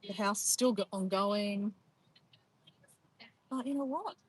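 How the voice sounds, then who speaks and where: Hosting a livestream from outdoors in nature by the water, an Australian woman with an Australian accent talks slowly in a mid-range voice, rambling casually and informally. A phone or camera on a tripod captures her, and clear background noise makes the outdoor stream noisy.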